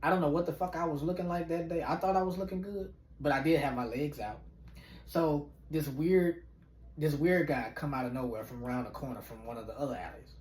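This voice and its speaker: A man's voice: on the high side, brisk, darkish tone. A man in his late twenties hosting a podcast, telling a profane storytime and acting out every character. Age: late 20s. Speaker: podcast host. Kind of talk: storytime monologue. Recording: roomy echo.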